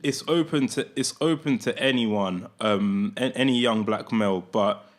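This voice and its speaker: A man's voice: mid-range voice, normal speed. A man in his twenties, a podcast guest explaining his work in an earnest, thoughtful way. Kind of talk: casual chat.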